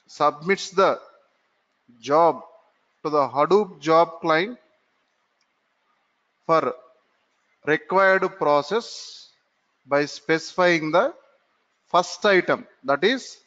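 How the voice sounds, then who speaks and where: Male classroom instructor, lecturing in a slow drawl with self-posed questions; muffled lo-fi sound with long room echo. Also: high voice, a bit bright. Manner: slow, repeats phrases and asks himself questions. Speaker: computer course instructor. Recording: dull lo-fi recording in a reverberant room.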